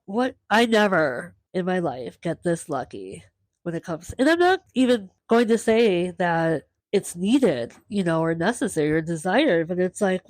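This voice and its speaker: A woman hosting a podcast, telling a travel story casually and lively, acting out the voices of the people she met. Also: lowish voice, no echo. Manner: lively, acts out quoted voices. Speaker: podcast host.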